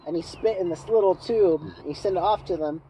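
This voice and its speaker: Dark-voiced man talking around a cigar. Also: high voice, brisk, a little hiss or hum, low-quality recording. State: cigar in mouth. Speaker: co-host of a cigar channel. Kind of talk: casual chat.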